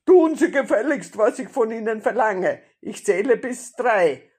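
A woman voicing a gruff, bossy male robber in a storybook reading, barking commands and growling threats. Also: mid-range voice, animated, unhurried, darkish tone, pitched above the performer's own voice. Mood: gruff, threatening.

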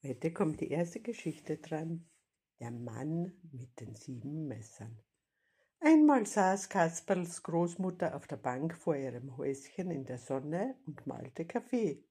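A woman reading a children's storybook aloud as narrator, calm and steady. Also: deep voice, breathy edge.

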